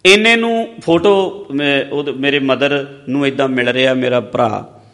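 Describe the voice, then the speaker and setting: Earnest male preacher in a reverberant hall. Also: measured pace. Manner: earnest, swings between loud emphasis and soft low asides. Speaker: religious preacher. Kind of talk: sermon with personal stories. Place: large hall or stage.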